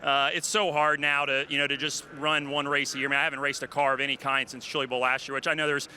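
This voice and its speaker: A racing driver, out of breath, answering a post-race interview in halting speech with many fillers. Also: male voice, medium pitch, level tone, sharp tone. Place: outdoors at a racetrack.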